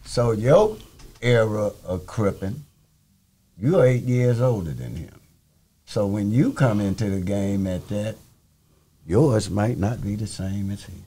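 A man hosting a podcast interview, calmly steering a dispute between guests. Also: on the low side, takes it slowly, long pauses. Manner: calming, steering the talk. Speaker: host.

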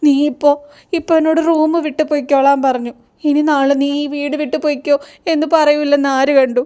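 A woman's voice: sits high, steady tone, a little fast, mellow, voice pushed up, close to an everyday voice. A woman voicing a hurt, pleading mother. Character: tearful middle-aged mother, hurt by her son.

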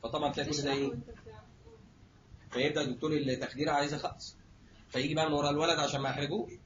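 Fast, high-voiced Egyptian man lecturing. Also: flat delivery, lo-fi sound, a little hiss or hum. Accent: Egyptian Arabic. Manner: jokey, acts out little scenes, addresses students directly. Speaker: surgery lecturer. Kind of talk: lively classroom lecture.

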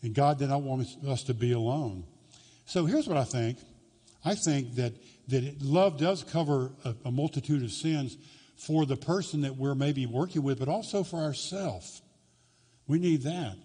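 Male pastor, conversational sermon, mellow husky voice, long church reverb. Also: mid-range voice, moderate pace. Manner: conversational, acts out quoted voices.

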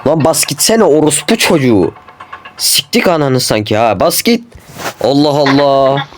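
Male gamer, foul-mouthed running commentary, very animated pitch, noisy recording. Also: normal speed. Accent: Turkish. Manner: constant swearing at the game, panicky yelling when chased. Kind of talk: horror game let's play commentary. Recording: noisy home mic recording.

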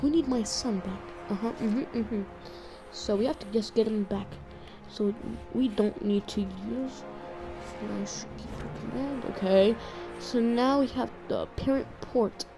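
A woman with a voice on the high side voices an obsessive, frustrated cartoon stick-figure inventor for an improvised comic fan dub, speaking at a measured pace. She mutters and curses, sounding absorbed in her own thoughts. Music runs in the background.

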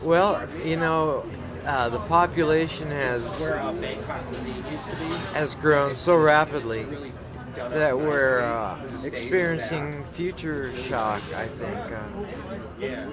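Man, 50s, from Colorado; slow, halting reminiscer at middle pitch, handheld mic outdoors, busy crowd behind. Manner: slow, halting, full of pauses and fillers. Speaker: interviewee. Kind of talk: casual reminiscing interview. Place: outdoor café patio at night.

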